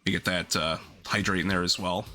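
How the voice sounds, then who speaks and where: A man with a bright, somewhat deeper-than-average voice hosts a casual gaming livestream. He rambles and cuts into his own sentences as he goes. Faint music plays behind him. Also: steady tone, fairly quick. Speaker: livestream host. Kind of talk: casual gaming stream chat.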